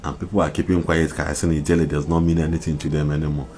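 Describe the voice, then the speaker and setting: Deep-voiced man, impassioned commentary. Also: little pitch movement, rapid-fire, a little mellow. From Nigeria. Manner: mixes Igbo and English, repetitive, emphatic. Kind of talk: impassioned social media commentary.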